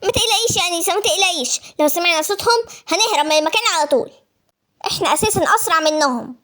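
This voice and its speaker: A woman's voice: extremely high pitch, animated, rapid-fire, a bit bright, voice pushed down. A woman with an Egyptian accent voicing a brave, protective young boy in a spoken story. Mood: reassuring. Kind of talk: voiced storytelling.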